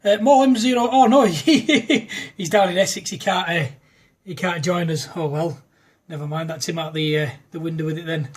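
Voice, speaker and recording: A man whose voice is a little high talks at normal speed while making an amateur radio demo video. He's indoors at a desk in a front room, chatting casually like a mate, full of radio jargon and call signs.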